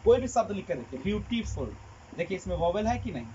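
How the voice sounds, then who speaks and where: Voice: medium pitch, big pitch swings, fast talker, dark tone. Classroom teacher, quiz-and-answer delivery, repeats key terms; slightly muffled recording with faint background noise. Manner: asks the class a question, then answers it himself. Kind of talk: classroom lecture with call-and-response questions.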